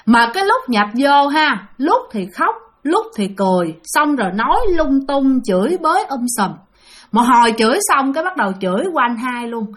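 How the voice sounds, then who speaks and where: A woman's voice: sits high, big pitch swings, normal speed, fairly bright tone. A woman with a Southern Vietnamese accent telling a ghost story in a chatty, casual way, often addressing her listeners directly.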